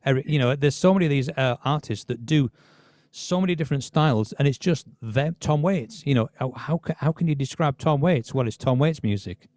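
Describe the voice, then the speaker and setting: A man's voice: medium pitch, fairly quick, darkish tone, dry recording, studio quality. A man hosting a podcast, talking casually about music with many restarts. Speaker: podcast host.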